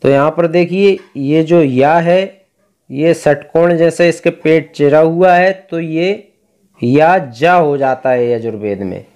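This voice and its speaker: A man teaching Vedic recitation, explaining pronunciation and chanting verses in slow, drawn-out tones. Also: on the high side, darkish tone. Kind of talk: recitation lesson.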